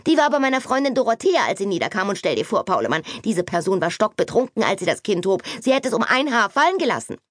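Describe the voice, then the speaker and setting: A woman voicing an excitable, chattering young pregnant woman in an audiobook, gushing and breathless. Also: quick pace, hardly any pauses, no echo, clean studio sound. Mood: gossiping. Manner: breathless, gushing, high-pitched. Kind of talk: audiobook character voice.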